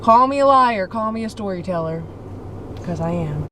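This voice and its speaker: A woman's voice: mid-range voice, expressive, normal speed, a bit bright. Young woman vlogger, chatty storyteller, sarcastic and dramatic; roomy sound with faint hiss. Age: young adult. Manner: chatty, dramatic, holds grudges, sarcastic asides. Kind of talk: casual storytime while eating. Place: car, then indoors at a table.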